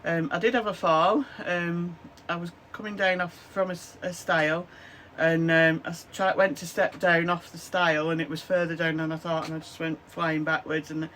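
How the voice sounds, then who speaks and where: This is a rambling to-camera craft vlog by a Lancashire woman in her fifties whose voice is hoarse and whose cough is chesty, and she leans heavily on "um, so yeah." She talks at a normal speed with hardly any pauses, in a fairly low, somewhat bright voice that moves little in pitch, against slight background noise.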